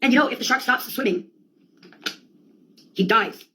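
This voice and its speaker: At normal speed, a woman with a fairly high, sharp-toned voice tells a rambling comic monologue full of swearing, slang and theatrical quoted outbursts, with slight background noise behind her.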